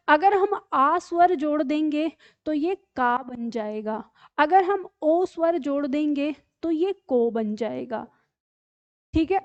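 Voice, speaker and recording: A woman's voice: sits high, no echo, lo-fi sound. A woman teacher giving an online grammar lesson, explaining step by step and often checking with her students. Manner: patient, explains step by step with frequent "ठीक है?" checks. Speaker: Hindi teacher.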